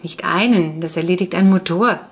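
A woman reading the part of a friendly brother who eagerly explains things and gets excited. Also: on the low side, normal speed. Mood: eager explaining.

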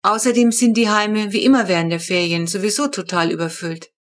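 A woman's voice: mid-range voice, steady tone, fairly quick, close to an everyday voice. A woman reading a storybook, voicing a serious male vet who explains things earnestly.

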